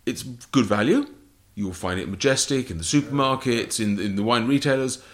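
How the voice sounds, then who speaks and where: A moderately paced, mid-range male voice belongs to an English writer on port wine being interviewed. He is precise and explanatory, giving facts as a list of short, clipped phrases.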